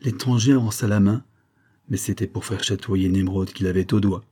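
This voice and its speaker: A man's voice: fairly low pitch, fairly quick, dark tone, husky. A man narrating a historical story in French as an audiobook reader, reading steadily.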